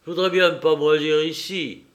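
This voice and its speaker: A man voicing a commanding, sardonic gentleman burglar in an audiobook reading, brisk and bossy with his accomplices. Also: a little high, fairly even intonation, natural voice.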